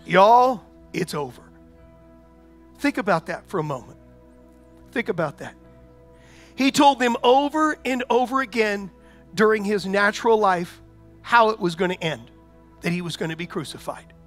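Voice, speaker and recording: A man with a very high speaking voice delivers a sermon as pastor. He talks in a conversational way, keeps asking rhetorical questions, and rises to loud proclamations. Soft music plays underneath. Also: expressive, moderate pace, long pauses.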